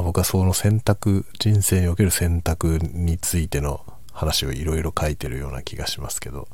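A middle-aged man chatting casually in a hushed, soft voice, musing reflectively as if for late-night listening. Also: no echo. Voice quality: husky, breathy low voice. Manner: reflective, musing, unhurried soft-spoken delivery. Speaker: host of a late-night chat for falling asleep.

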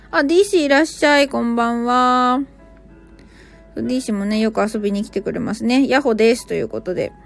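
A woman who teaches English at a cram school, chatting casually on a live stream and reacting to listener comments with small laughs. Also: fairly high pitch.

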